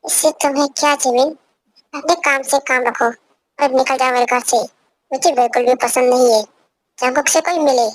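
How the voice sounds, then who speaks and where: A woman's voice: high voice, steady tone, moderate pace, dry recording. A young woman voicing a possessive, domineering young husband who gives orders in an amateur fan dub. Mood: stern. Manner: commanding, repeats orders.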